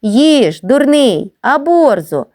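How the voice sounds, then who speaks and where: Cheeky schoolboys, as a woman reader puts them on taunt in bossy, mocking shouts. The voice is raised high and loud above her own. It leaps up and down in pitch with lively emphasis. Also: slow pace, exaggerated voice. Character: mischievous schoolboys, teasing and mocking.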